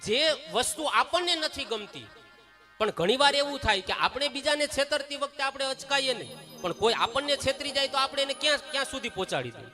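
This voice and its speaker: A woman's voice: high voice, brisk, faint music behind. A woman giving a devotional sermon at a temple gathering, telling stories and acting out the people in them. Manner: animated storytelling, acting out quoted people. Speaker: religious discourse speaker.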